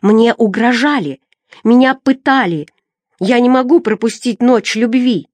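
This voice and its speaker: A woman voicing a crazed, shaggy-haired female prisoner, slightly hoarse, breaking into shrill, excited outbursts in a storybook reading. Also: a little slow, dry recording. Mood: desperate.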